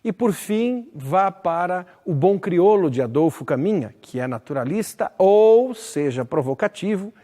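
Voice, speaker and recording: A man's voice: sits high, expressive, unhurried, hardly any pauses, mellow. A man teaching a literature lesson, explaining verse and addressing the listener directly with emphatic stresses. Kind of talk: recorded lesson. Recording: long hall reverb.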